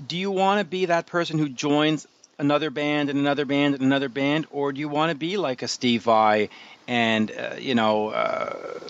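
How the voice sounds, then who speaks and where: A man's voice: fairly high pitch, steady tone, normal speed, muffled recording. A tired man interviewing a musician, rambling and stumbling over his words with a self-deprecating manner. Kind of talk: casual interview.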